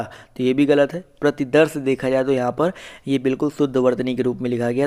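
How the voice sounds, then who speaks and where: A man's voice: mid-range voice, darkish tone. A man teaching an online exam-prep class, reading out questions and options, then explaining each answer to his viewers. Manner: addresses viewers as friends, asks "clear?"; reads out options and answers them one by one.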